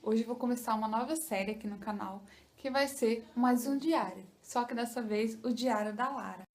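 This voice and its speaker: A young Brazilian woman speaks to her viewers in a relaxed, chatty vlog style, often turning to them directly. Her voice sits a little higher than most. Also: moderate pace, background noise. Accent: Brazilian Portuguese. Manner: chatty, addresses viewers with "gente" and "tá?". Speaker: vlogger, new mother. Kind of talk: casual chat to camera.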